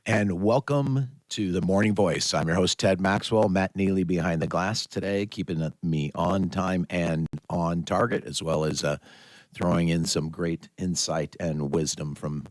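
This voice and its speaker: A low-pitched American man talks as a radio host in a conversational morning-show style. The sound is dry and close, as from a studio microphone. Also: steady tone, a little slow, dry recording. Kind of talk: morning radio talk, conversational local politics discussion.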